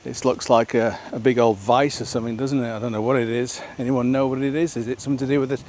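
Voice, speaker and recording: A man's voice: mid-range voice, flat delivery, quick pace, noisy background. Chatty man vlogging on a trail. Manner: chatty, rambling, asks viewers questions. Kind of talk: walking vlog narration. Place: outdoors on a rural nature trail.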